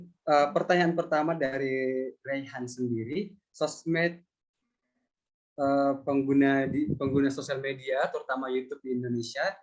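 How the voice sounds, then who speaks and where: A man's voice: mid-range voice, dull audio. A male lecturer answering student questions in a conversational public lecture, with many fillers and repeated phrases.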